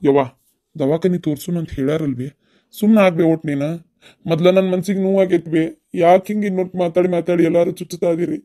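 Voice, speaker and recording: A fretful, lamenting village mother from a cartoon, as a woman plays her. Her voice sits somewhat low, and she speaks with a North Karnataka Kannada accent. She sounds worried throughout. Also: steady tone, quick pace, mellow, natural voice. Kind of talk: cartoon dubbing.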